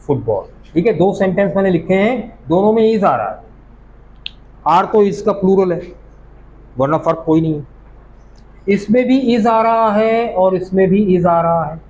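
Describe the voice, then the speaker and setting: A man's voice: high voice, a little mellow, a little hiss or hum, low-quality recording. A man teaching English grammar in a classroom. He speaks with a lilt and quizzes his students as he explains. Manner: explains patiently, asks the class questions. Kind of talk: classroom lecture.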